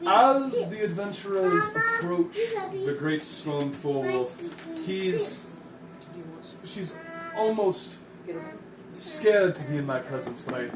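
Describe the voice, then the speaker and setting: A vain, grandiose adventurer narrates his own heroics in a high, swooping voice, as a man acts him out at a gaming table. The sound is distant and roomy, with noise behind it. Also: big pitch swings, slow pace, pauses often, loud music behind the voice, full character voice. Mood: pompous. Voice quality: grandiose and theatrical. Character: pompous self-important male adventurer narrating his own deeds. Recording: echoey room from far off with noise.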